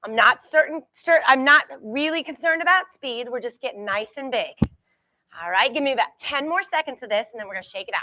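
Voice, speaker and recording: A woman's voice: sits high, expressive, brisk, pushed and bright, dry recording, rough recording. A woman leading a group exercise class as instructor, encouraging and reassuring, giving short repeated cues and countdowns. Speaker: fitness instructor.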